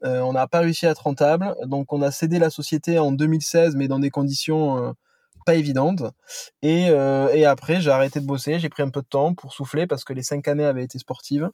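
Brisk thirties male founder, dry close recording, halting delivery. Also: a little high, steady tone, mellow, dry recording. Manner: fast, halting with fillers. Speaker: founder of a consulting firm. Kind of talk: interview answer.

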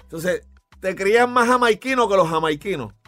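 Animated Puerto Rican man recalling club days. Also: high voice, moderate pace, no room sound, soft background music. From Puerto Rico. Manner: animated, vivid storyteller. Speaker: DJ and club owner. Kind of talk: interview recollection.

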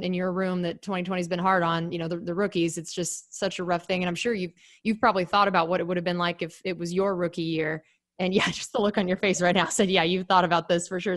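Woman interviewer with a low, dry voice. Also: no echo. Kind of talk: sports interview questions.

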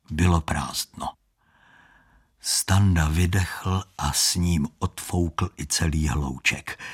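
A man narrating an audiobook story in an expressive, shifting storytelling manner. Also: low-pitched, husky.

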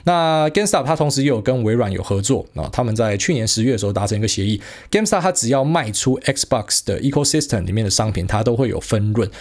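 A man's voice: mid-range voice, expressive, fast, hardly any pauses. A man with a Taiwanese Mandarin accent hosting a podcast, giving casual solo commentary that is blunt and slangy, with frequent fillers and mild swearing. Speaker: podcast host.

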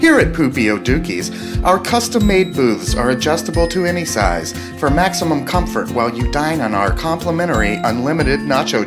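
A man's voice: medium pitch, natural voice. A man playing an upbeat commercial announcer reading a slick, salesy parody restaurant ad. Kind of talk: parody radio ad read. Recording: music bed behind.

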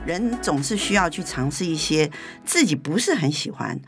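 A woman's voice: sits low, expressive, normal speed, music in the background. A woman hosting a conversational studio interview, restating what the guest says and putting questions to her. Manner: frequent short listening acknowledgements. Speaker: interview host. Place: recording studio.

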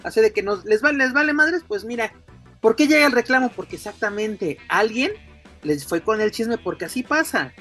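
A woman with a Mexican accent hosting a casual podcast, animated and quick to act out quotes. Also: a little high, soft background music. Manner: animated, acts out quoted voices. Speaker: podcast host.

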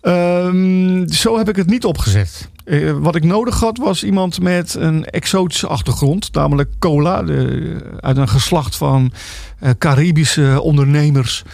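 Gravelly middle-aged man, halting. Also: a little high, darkish tone, no echo. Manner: hesitant, many filler sounds and restarts. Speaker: author and guest. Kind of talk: radio interview.

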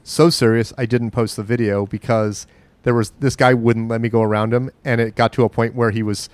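A man telling stories in a casual podcast chat, excitable and quick. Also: mid-range voice, no room sound. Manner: fast, excitable storyteller. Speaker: podcast co-host.

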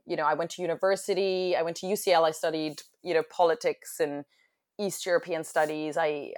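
Guest: young woman, American accent, chatty, a little low-pitched. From France. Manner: chatty, with frequent fillers and restarts. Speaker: guest, hospitality business owner. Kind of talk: casual conversational interview.

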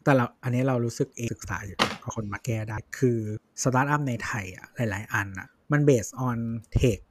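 A man's voice: mid-range voice, moderate pace, background noise. A man co-hosting a podcast in casual chat, blunt and slangy. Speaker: podcast co-host.

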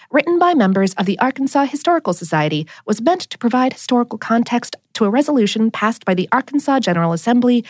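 Lively, wry woman narrating an explainer. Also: on the high side, no room sound, studio quality. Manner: wry, lively storytelling with playful asides. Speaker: podcast host.

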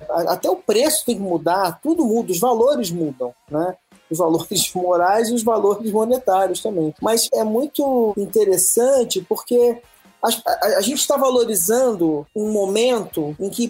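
A woman with a Brazilian Portuguese accent, a podcast panelist talking in an animated, emphatic way and often tagging questions onto her sentences. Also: a little high. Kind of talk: casual podcast discussion.

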